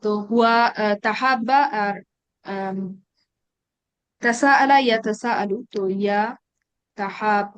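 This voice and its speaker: A woman teaching an Arabic grammar class in an online meeting, reciting verb conjugations slowly and explaining in quick asides. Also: mid-range voice, a bit bright, clean tone, no echo, dull audio. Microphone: online meeting call.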